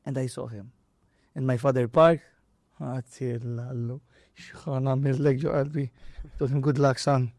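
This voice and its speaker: Here a boxer and trainer from Malta, interviewed as a guest, tells casual, animated stories and plays out the dialogue and the impacts. He has a Maltese accent and non-native English. His medium-pitched, slightly mellow voice moves at a measured pace with fairly even intonation, in a dry, studio-quality recording.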